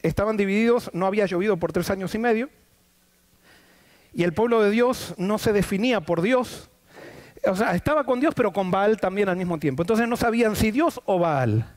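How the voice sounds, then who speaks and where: Male pastor, high lively delivery, preaching in church through back-and-forth questions. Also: normal speed. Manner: asks the congregation questions and answers them. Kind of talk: sermon.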